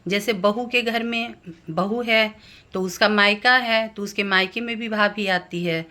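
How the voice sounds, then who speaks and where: A woman vlogger giving calm advice on family relationships, speaking gently and explaining each point step by step. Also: medium pitch. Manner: slow, gentle and explanatory, lists family members one by one. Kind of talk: calm advice talk to camera.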